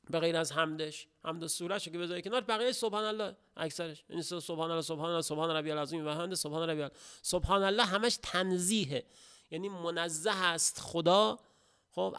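Gravelly-voiced man giving a religious lecture. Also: sits high, fairly bright tone. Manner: halting, with pauses and restarts, rising to emphatic stresses.

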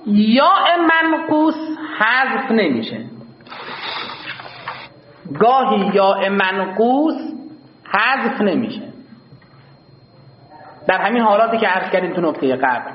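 A man with a very high, lively voice gives a grammar lecture to a class, asking questions and answering them himself. He speaks in formal, courteous phrases and repeats his key points. The recording is dull and lo-fi, with a roomy echo. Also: long pauses, slight background noise. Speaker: teacher.

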